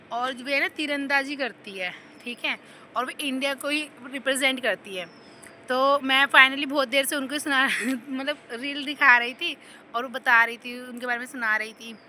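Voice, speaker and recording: A young vlogger chats casually, rambling animatedly through funny personal stories and laughing as she tells them, with a slight cough and sore throat. Her voice is high, with a little hiss or hum on the recording.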